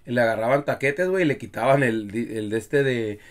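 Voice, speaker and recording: A man's voice: mid-range voice, normal speed. A man co-hosting a podcast, talking in a slangy, laid-back way. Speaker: podcast co-host. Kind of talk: casual chat.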